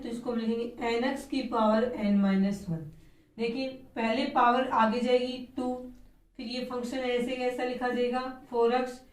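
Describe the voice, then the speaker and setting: Woman teacher, somewhat high voice, recorded from a distance, step-by-step explanation. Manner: explains step by step and asks rhetorical questions. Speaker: chemistry teacher. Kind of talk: classroom lecture. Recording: echoey room, voice from a distance.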